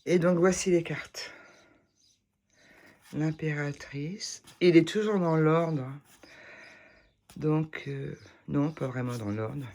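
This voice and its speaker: Slow-talking, hesitant French woman. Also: deep voice, a little mellow, a little hiss or hum. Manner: rambling, full of hesitations and restarts. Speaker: vlogger showing tarot decks. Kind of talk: casual chat.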